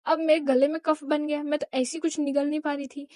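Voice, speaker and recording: A woman's voice: high-pitched, little pitch movement, brisk, darkish tone, no echo. A young woman vlogger telling a personal story in an emotional, rambling, confessional way. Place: home.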